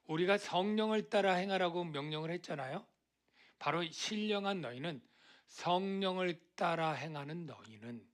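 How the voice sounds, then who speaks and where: Bright-voiced Korean pastor preaching. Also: male voice, fairly high pitch. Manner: conversational preaching, asks the congregation questions, acts out quoted voices. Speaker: senior pastor. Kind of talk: sermon.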